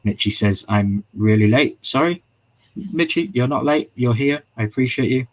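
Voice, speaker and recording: A man's voice: mid-range voice, moderate pace, fairly bright tone. A man hosting a casual live-stream recap, chatty and profane, reading viewers' comments aloud as he goes.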